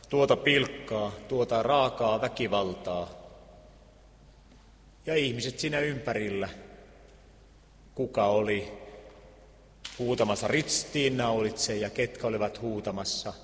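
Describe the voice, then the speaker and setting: A man reading Scripture aloud and preaching, solemn and measured, with deliberate pauses. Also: fairly low pitch. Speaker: pastor. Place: church. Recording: long church reverb.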